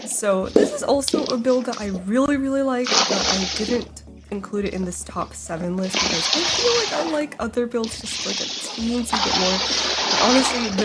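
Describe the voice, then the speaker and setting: A young woman giving casual, bubbly commentary on a Minecraft build, giggling often and squealing when excited. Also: mid-range voice. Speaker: Minecraft YouTuber. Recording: loud music bed behind voice. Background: loud background music.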